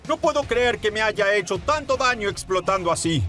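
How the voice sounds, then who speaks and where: A man's voice: high voice, lively intonation, normal speed, bright, forceful tone, soft background music, voice pushed up. A man voicing a cruel, arrogant male alien tyrant who sneers and hurls insults at his enemies. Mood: sneering.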